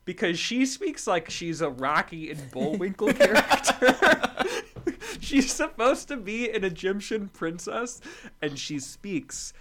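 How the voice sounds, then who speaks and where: Lively, playful man on a chat show. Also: high-pitched, slow, a little hiss or hum. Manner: laughing, playful, mimics characters. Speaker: podcast co-host. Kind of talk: casual chat.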